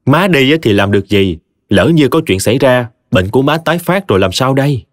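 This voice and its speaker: Timid worried young daughter-in-law, voiced by a male narrator, hesitant and pleading, slightly raised pitch, dry sound. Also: expressive, a little fast, no echo, natural voice. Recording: dry voice with faint music.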